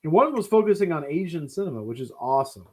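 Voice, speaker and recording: Playful, lively-voiced man co-hosting a chat. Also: fairly high pitch, crowd noise. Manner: playful, joking, quick to laugh. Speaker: podcast co-host. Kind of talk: casual chat about film releases.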